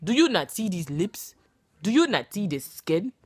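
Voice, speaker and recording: A woman's voice: mid-range voice, very animated, moderate pace, breathy edge, no echo. A playful, dramatic woman from the United States in her thirties chatting casually in her vlog. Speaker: vlogger.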